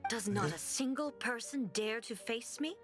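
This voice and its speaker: Actress as imperious godlike ruler, formal and measured, game music behind. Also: female voice, a little high, expressive, lightly acted. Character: stern godlike female ruler, cold and imperious. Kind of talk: game dialogue voice acting.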